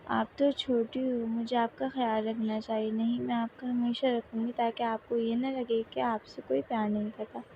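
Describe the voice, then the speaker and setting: A woman's voice: a little high, little pitch movement, moderate pace, hardly any pauses, lo-fi sound, a little hiss or hum, lightly acted. A woman voicing a sweet, loyal little girl who coaxes and comforts her older sister-in-law, in a narrated story. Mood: affectionate.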